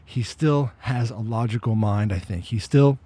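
Husky, mellow-voiced man on a podcast. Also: mid-range voice, a little slow. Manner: opinionated, conversational, repeats words when restarting. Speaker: podcast host. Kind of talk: casual walk-and-talk podcast monologue. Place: outdoors on a walk.

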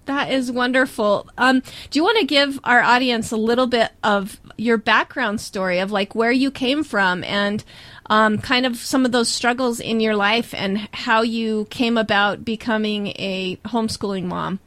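A woman's voice: a little high, a little slow, fairly bright tone, no room sound. A woman hosting an interview, asking questions in a friendly, encouraging way. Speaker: interview host.

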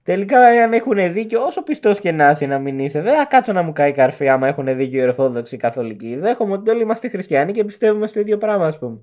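A man's voice: fairly high pitch, few pauses. A man co-hosting a casual podcast, talking animatedly. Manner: animated, mocking outbursts. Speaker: podcast co-host. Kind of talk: casual chat.

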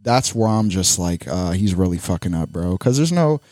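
A man's voice: deep voice, animated, normal speed, warm tone, no echo. A man co-hosting a casual sports podcast, talking in slangy bro speak with frequent swearing. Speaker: podcast co-host.

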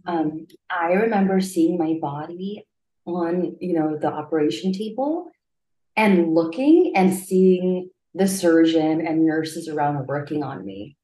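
Guest woman, slightly low voice, filler-heavy storytelling, roomy echo. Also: animated, unhurried, dark tone. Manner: many fillers, jumps high when quoting herself. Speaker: interview guest. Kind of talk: casual personal storytelling.

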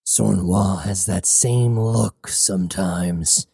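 A man voicing a hulking male cyborg captain, a menacing former mercenary with a gravelly, growling voice. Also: sits low, warm tone, no room sound, studio quality, voice pushed down, heavily acted. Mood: grim. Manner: slow, grim and threatening. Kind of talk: audiobook character voice.

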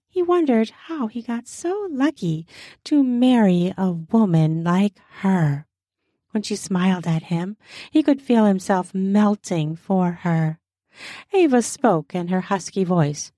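Podcast host, female, playful chatty lead-in then steady story reading; mellow tone, dry close mic. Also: mid-range voice, no echo. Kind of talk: erotica podcast narration.

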